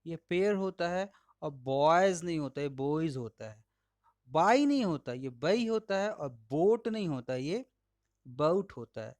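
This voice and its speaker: A male pronunciation teacher with an Indian English accent and Hindi as his first language, slowly and patiently modeling each word aloud while explaining slides. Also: fairly high pitch, a little mellow, clean tone, no room sound, clean studio sound. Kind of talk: slide-based lesson.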